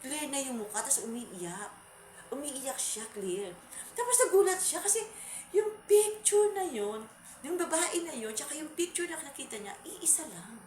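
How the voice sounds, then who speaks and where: Woman vlogger telling a scary story, keeps repeating herself, jumpy pitch, roomy echo. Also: lively intonation, normal speed, darkish tone, a little hiss or hum. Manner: rambling, repeats words and restarts, turns to the audience. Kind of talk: casual spoken storytelling. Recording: echoey room.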